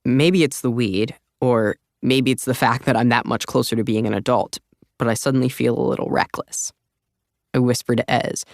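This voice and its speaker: A man's voice: mid-range voice, gravelly, no echo. A man narrating an audiobook in first person, with a casual, wry, confiding manner, on a close studio mic.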